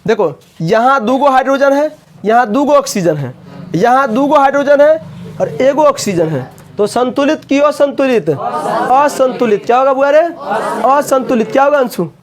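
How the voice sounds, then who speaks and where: High-voiced man teaching a coaching class. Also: animated, normal speed. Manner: asks students questions and repeats answers.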